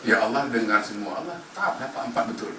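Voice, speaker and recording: Male preacher, bright tone, playful question-and-answer delivery, recorded from a distance in a roomy mosque. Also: on the low side, animated, quick pace, a little hiss or hum. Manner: jokey, asks the crowd questions and answers them himself. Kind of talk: humorous mosque lecture. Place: mosque hall. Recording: roomy, distant mic with faint ambience.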